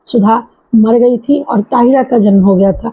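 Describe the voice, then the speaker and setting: Woman storyteller, higher voice with a breathy edge, informal retelling full of fillers, dull lo-fi sound. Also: measured pace. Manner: conversational, with frequent fillers and restarts. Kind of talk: casual spoken retelling of a story. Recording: dull lo-fi recording.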